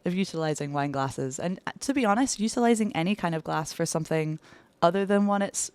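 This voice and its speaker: A woman's voice: fairly low pitch, a little fast, darkish tone, smooth, dry recording. A woman in her thirties from Belgium, a bartender talking enthusiastically in a casual podcast interview, lingering on descriptive words. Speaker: bartender guest.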